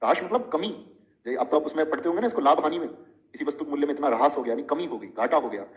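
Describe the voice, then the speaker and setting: A middle-aged man leads a live online lesson, talking to his students in a chatty, teasing way. He keeps tossing out questions and playful examples. His voice sits slightly higher than most men's. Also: expressive, very fast, low-quality recording. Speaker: teacher.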